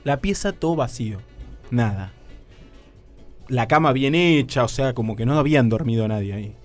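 A young man with a Rioplatense Spanish accent, telling a comic story on a radio show, animated and acting out his own lines, using crude slang. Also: medium pitch, moderate pace, soft background music.

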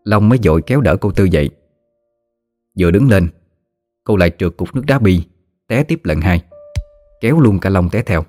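Low-voiced man telling a folksy story. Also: moderate pace, long pauses, dry recording. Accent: Southern Vietnamese. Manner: lively, slangy, teasing. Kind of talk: colloquial story narration. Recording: faint music behind.

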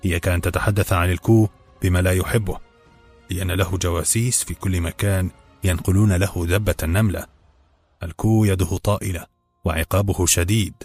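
A man voicing a calm older male mentor giving earnest, measured advice in a storybook reading. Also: deep voice, husky, faint music behind.

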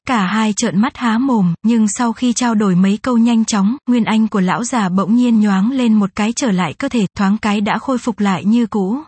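A woman narrating a fantasy novel in a steady, even reading style. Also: on the high side, breathy edge, no room sound. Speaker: audiobook narrator.

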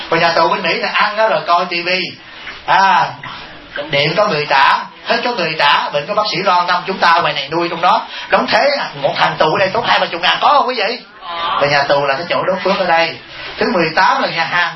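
Joking high-voiced monk in an echoey hall. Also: male voice. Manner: joking, rhetorical questions to the audience, chuckling. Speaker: Buddhist monk teacher. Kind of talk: humorous dharma talk. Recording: echoey, muffled hall recording.

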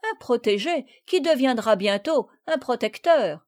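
A woman voicing a quick, spirited young girl in a storybook reading, speaking in a vivacious way. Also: a little high, animated, darkish tone.

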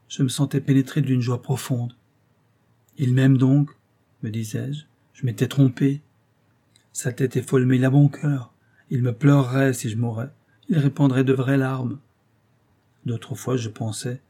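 A man voicing an anguished middle-aged contractor father in an audiobook, speaking loudly in a hoarse, clipped, emphatic way. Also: medium pitch, close to an everyday voice. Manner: loud, grieving, emphatic pleading. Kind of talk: audiobook character voice.

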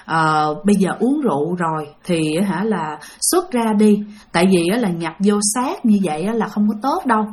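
A calm Buddhist monk with a Southern Vietnamese accent, put on by a woman telling a ghost story. He speaks gently and a little low, coaxing and unhurried. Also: close to an everyday voice.

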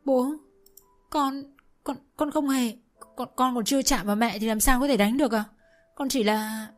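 A woman's voice: lowish voice, fairly quick, darkish tone, faint music behind, close to an everyday voice. Woman voicing a stammering wronged young wife. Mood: pleading. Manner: stammering, pleading, defensive. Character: wronged young daughter-in-law, anxious.

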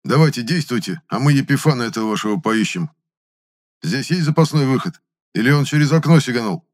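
A man voicing a brash young male squad leader who talks in sharp, mocking, commanding bursts. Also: mid-range voice, animated, brisk, pitched above the performer's own voice, natural voice.

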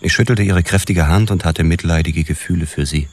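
A low-voiced actor portrays a weary police detective telling his own story in a radio drama. His narration is measured and deadpan, with a coolly appraising mood.

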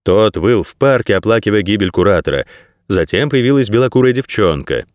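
A man's voice: on the low side, lively intonation, brisk, darkish tone, no echo, studio quality. A man reading an audiobook aloud as scripted narration.

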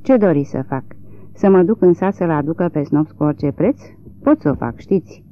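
Un bărbat care dă glas unui portărel de judecătorie, repezit și oficios. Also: male voice, a little high, expressive, lightly acted. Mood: brusque. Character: blunt country court bailiff. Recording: tinny lo-fi narrow-band recording.

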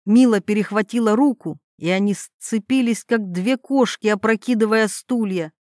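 A woman's voice: medium pitch, moderate pace, darkish tone, dry recording, studio quality. A woman narrating a dramatic story as an audiobook reader.

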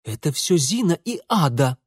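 A man's voice: a little high, very animated, normal speed, breathy edge, no echo, studio quality, voice pushed up. A man voicing a spiteful young daughter who tattles and mutters resentfully.

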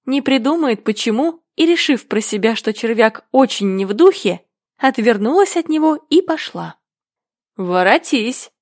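A woman reading a children's fairy tale aloud in a lively storybook manner. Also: on the high side, normal speed, no echo, clean studio sound.

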